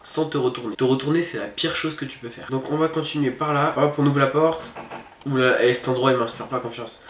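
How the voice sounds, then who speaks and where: Medium in pitch and steady in tone, this man talks a little fast while playing a horror game for his viewers. His let's-play chatter is informal and thought-aloud, recorded with roomy echo and faint background noise.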